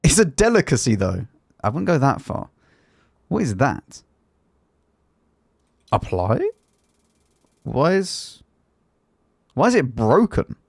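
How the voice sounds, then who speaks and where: A man's voice: medium pitch, wildly swooping pitch, slow pace, creaky, pauses often, breathy edge, dry recording, studio quality. An English man live streaming a game, chatting casually in an opinionated, exclamatory, colloquial way. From England. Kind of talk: casual live stream commentary while gaming.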